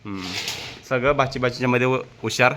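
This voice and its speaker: Bright-voiced village vlogger teasing kids. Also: male voice, mid-range voice, a little fast, a little hiss or hum. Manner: teasing, coaxing shy children. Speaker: vlogger interviewing family kids. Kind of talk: casual family vlog chat. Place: family home in a village.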